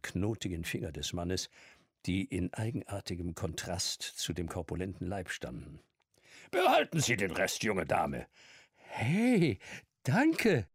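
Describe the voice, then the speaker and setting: Deep, gravelly male audiobook narrator. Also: no echo, clean studio sound. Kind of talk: scripted narration of a novel.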